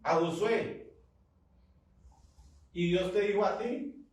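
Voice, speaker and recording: A high-voiced man with a Colombian Spanish accent delivers a fervent sermon, pushing his points and drawing answers from the congregation. His voice rings through a big, echoey hall, picked up from well back off the mic. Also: slow pace, recorded from a distance. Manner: preaching with rising fervor and call-and-response. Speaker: pastor.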